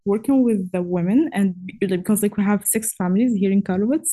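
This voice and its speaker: Hesitant young woman from Egypt, mellow voice. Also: medium pitch, fast talker. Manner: hesitant, many fillers and restarts. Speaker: guest. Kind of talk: casual interview.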